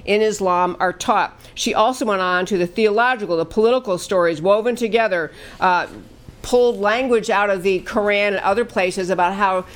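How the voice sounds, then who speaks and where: A middle-aged woman hosting a political talk show, delivering emphatic, indignant commentary that repeats its points. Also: medium pitch.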